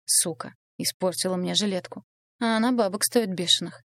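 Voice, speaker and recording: Woman reading a croaky, brash older mother, low dry voice, audiobook. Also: normal speed, a bit bright, no echo. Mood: gruff scolding. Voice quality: croaky, grumbling. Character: brash sharp-tongued middle-aged mother, gruff.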